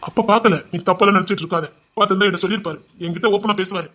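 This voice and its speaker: A man's voice: high voice, very fast, bright, forceful tone. An actor playing a devoted young man who earnestly reassures the woman he loves. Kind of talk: emotional drama acting.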